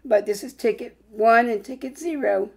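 A woman with a somewhat high voice hosts a casual vlog about scratching lottery tickets, talking at a moderate pace. She sounds hoarse and a bit congested but chats upbeat, with bursts of excitement.

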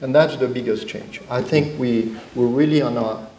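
Middle-aged man, dark voice, roomy hall. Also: mid-range voice, normal speed. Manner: earnest, explanatory, with many restarts. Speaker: panelist. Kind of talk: conference panel discussion. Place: conference stage before an audience.

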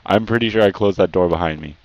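A man's voice: low voice, fast talker. A young man giving casual, nervous commentary as a scared horror game streamer, muttering to himself. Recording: dull lo-fi mic, light background noise.

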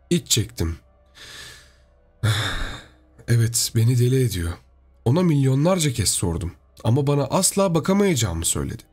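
A man narrating a horror story in a steady, storytelling delivery. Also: on the high side, breathy edge.

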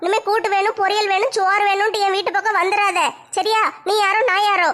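A woman playing a quarrelsome young village daughter-in-law, scolding with quick retorts. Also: extremely high pitch, flat delivery, fairly bright tone.

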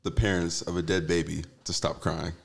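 A man's voice: sits low, level tone, moderate pace, vocal fry. A young man telling crude jokes in casual banter, with a smutty manner. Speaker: joke teller.

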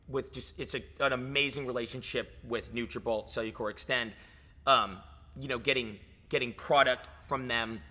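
Man, thirties, fitness coach, bright forceful voice, slightly breathy, hyped and profane, gym room with long reverb. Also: medium pitch. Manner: hyped, swearing, lots of "dude" and "like". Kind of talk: casual podcast chat. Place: gym lounge, indoors.

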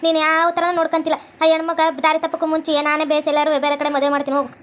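A woman's voice: sits high, monotone, rapid-fire, close to an everyday voice. A woman voicing a bossy, scolding mother-in-law in a cartoon comedy, with a North Karnataka Kannada accent. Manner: lecturing, scolding.

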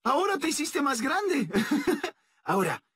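A woman's voice: sits high, sing-song, slow pace, heavily acted. A woman voicing a cheerful, playful young girl in a children's show dub, giggling and exclaiming as she talks to the things around her. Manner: giggly, exclaiming, talking to objects. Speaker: dub voice actress. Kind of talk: Latin American Spanish fan dub of a children's show. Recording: loud music behind the voice. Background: loud children's music.

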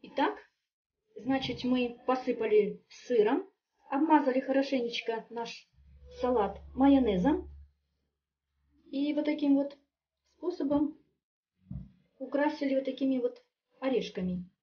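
At a kitchen table, a home cook gives a step-by-step cooking demonstration in a warm, chatty way, dropping in frequent little fillers. Her voice is high and unhurried, and she pauses often. The audio sounds far off and muffled, with faint music in the background.

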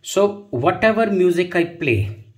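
Casting: male tech vlogger, North Indian accent, fairly high pitch, casual demo delivery, roomy distant sound. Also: lively intonation, measured pace. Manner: repeats phrases, tags sentences with "okay". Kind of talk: casual product demonstration to camera. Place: indoor room at home. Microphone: wireless lavalier, partly heard through a speaker. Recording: roomy, distant mic, music behind.

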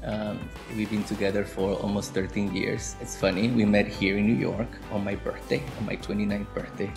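Ecuadorian-accented man, 40s, reflective interviewee on webcam, guitar bed clearly under him. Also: fairly low pitch. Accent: Ecuadorian Spanish. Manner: relaxed, reflective, frequent restarts. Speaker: marketing director. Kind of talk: interview to camera. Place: home room by a window.

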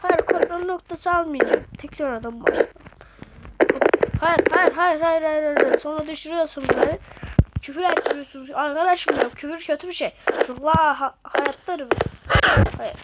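A woman commentates on her game in a very high voice, excitable and quick to grumble at it. The recording is dull and lo-fi, with loud noise underneath. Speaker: gamer.

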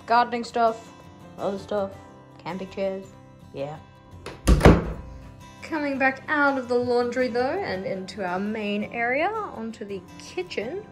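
A young woman gives a casual, chatty tour of her house with wry asides, filmed on a phone at arm's length. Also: fairly high pitch. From New Zealand. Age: young adult. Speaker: vlogger. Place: house, indoors, moving room to room. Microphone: phone held at arm's length.

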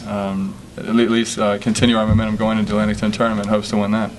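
Hesitant and full of restarts and filler words, a young adult male college basketball player fields postgame questions. His delivery is low and flat, picked up by a table microphone in a press conference room with a sponsor backdrop, and a faint background hum is audible.

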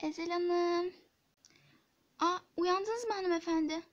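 A woman voicing a soft, soothing nurse. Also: very high-pitched, slow pace, highs cut off. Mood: gentle. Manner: soft, hesitant and pleading. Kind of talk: Turkish toy-app drama voice acting.

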